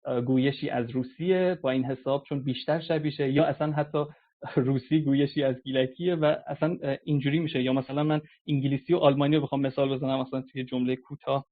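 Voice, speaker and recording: A man whose first language is Gilaki, explaining ideas hesitantly in a casual live audio chat, pausing on drawn-out filler sounds. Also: mid-range voice. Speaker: discussion speaker. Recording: tinny phone-like audio-app line.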